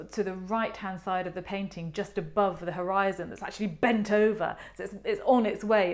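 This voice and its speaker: Brief: middle-aged woman, casual art talk presenter, lowish voice, rambling and playful. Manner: chatty and meandering, with many ums and playful asides.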